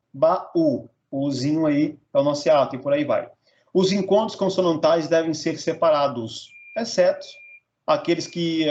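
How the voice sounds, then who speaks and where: Speaking with a Brazilian Portuguese accent in a fairly high, darkish voice, a man teaches grammar by breaking words into syllables and checking in with "tá?" and "beleza?". The recording has its highs cut off.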